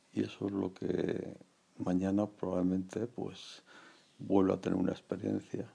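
Older guy rambling on his podcast, super gravelly, kinda husky. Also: deep voice, dark tone. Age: around 60. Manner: rambling, reflective, many fillers and restarts. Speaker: podcast host. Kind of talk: casual personal monologue.

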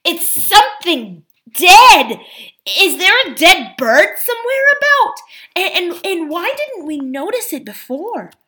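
A woman's voice: slow pace, full character voice. A woman voicing an alarmed schoolboy who gasps and stammers in disgust. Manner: high excited gasps.

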